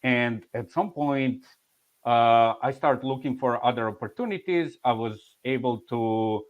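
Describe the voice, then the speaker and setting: In a relaxed interview, a Serbian insurance claims manager in his forties tells his story with a Serbian accent and a mid-range voice. He halts often, restarts, and laughs softly, and the audio is muffled and lo-fi.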